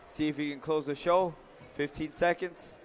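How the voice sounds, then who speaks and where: A man's voice: on the high side, fairly even intonation, moderate pace. A man giving live, conversational boxing commentary, thinking aloud and repeating words as he goes.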